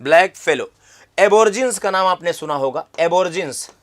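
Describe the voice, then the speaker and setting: A man's voice: high voice, expressive, moderate pace. A man teaching an exam-prep geography lesson, repeating key terms and quizzing the viewer with questions.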